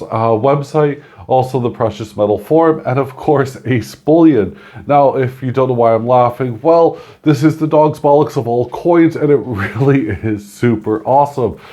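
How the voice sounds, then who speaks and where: A man hosting his own channel, chatting casually through a coin review, chuckling now and then and filling pauses with ums and uhs. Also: mid-range voice, dark tone.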